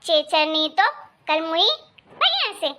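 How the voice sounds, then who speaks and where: A woman's voice: extremely high pitch, sing-song, moderate pace, sharp tone, full character voice. A woman voicing a short-tempered mother-in-law in a cartoon story, scolding and threatening.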